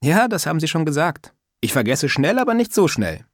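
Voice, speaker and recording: Audiobook: pushy, teasing old neighbor lady, put on by a male reader, higher register, dry booth sound. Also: big pitch swings, fairly quick, no echo. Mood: insistent. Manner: chatty, insistent, mock-polite. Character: old female neighbor, talkative, gloomy, teasing. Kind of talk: audiobook character voice.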